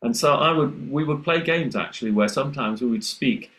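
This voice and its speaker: A man's voice: mid-range voice, fairly quick, poor audio. Man, English accent, teacher trainer, webinar lecture, acts out sounds, video call. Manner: demonstrates sounds aloud, animated explaining. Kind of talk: webinar presentation.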